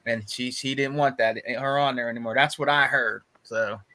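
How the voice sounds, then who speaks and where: Bright and forceful, this man's mid-range voice holds steady at a normal speed. He's co-hosting a podcast, chatting and telling gossipy stories, frequently saying "bro" and repeating himself for emphasis.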